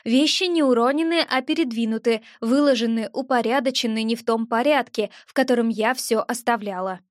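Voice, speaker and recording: A woman reads a first-person fantasy audiobook with a wry, ironic tone. Her voice is high, and the close recording is dry with no room sound. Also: a little fast, no echo. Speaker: audiobook narrator.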